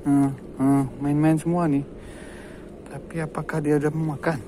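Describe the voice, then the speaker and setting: Excitable man commentating his fishing trip. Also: on the high side, normal speed, a little hiss or hum. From Aceh, Indonesia. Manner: exclaims and repeats short words when a fish bites. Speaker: fishing vlogger. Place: outdoors by the water.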